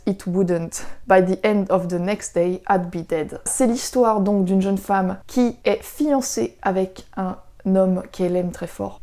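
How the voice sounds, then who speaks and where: Chatty woman with a mellow voice. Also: mid-range voice. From France. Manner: chatty, conversational, amused by the story. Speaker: book reviewer. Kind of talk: casual book recommendation video.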